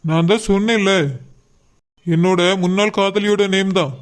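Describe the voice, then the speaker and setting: A man's voice: high voice, fairly even intonation, moderate pace, smooth, natural voice. A man voicing a doting determined young father. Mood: telling.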